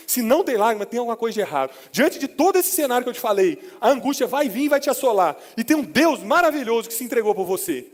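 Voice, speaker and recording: A Brazilian man preaching a sermon as a pastor, impassioned, swinging from hushed low lines to raised emotional peaks. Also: sing-song, quick pace. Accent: Brazilian Portuguese. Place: church hall. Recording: hall reverb.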